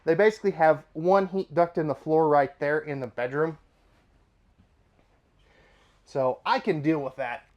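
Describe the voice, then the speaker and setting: A man with a slightly high voice presents an RV dealership walkthrough from inside a travel trailer, unhurried and with long pauses, on a muffled recording. He's upbeat and chatty, adding casual asides, and sounds a bit nasal from allergies.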